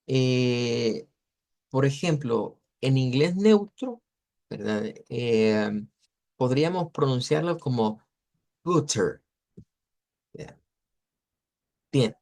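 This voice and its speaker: A man teaching an English phonetics class in an explanatory way. He often checks in with his students and slows down to model sounds. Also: medium pitch, lively intonation, darkish tone. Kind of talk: online class lecture.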